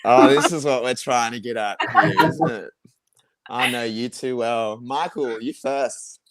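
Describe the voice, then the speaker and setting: A man's voice: mid-range voice, measured pace, over a noisy crowd. An Australian man chatting casually as a guest, joking and repeating himself. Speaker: guest, university alumnus. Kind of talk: casual chat.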